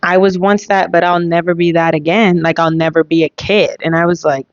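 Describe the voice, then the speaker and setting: A woman's voice: lowish voice, steady tone, a little fast, no echo, highs cut off. A young woman hosting a casual solo podcast, talking in a chatty, rambling way with lots of fillers and trailing thoughts. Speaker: podcast host.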